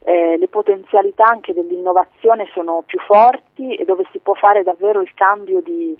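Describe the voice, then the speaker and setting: A woman heard over a phone line, answering interview questions as a politician guest in a measured way, with frequent hesitations and filler phrases. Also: medium pitch, no room sound. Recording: tinny dry phone line.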